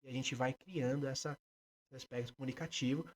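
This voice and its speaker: A man with a Brazilian Portuguese accent, a music therapist being interviewed, explaining his work in a lively way and breaking into short sung examples. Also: medium pitch, fairly quick. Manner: animated, demonstrates by singing snippets.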